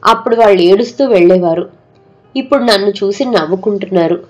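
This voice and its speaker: A woman narrating a first-person audiobook story in a measured, heartfelt reading voice. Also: medium pitch, darkish tone, highs cut off, soft background music.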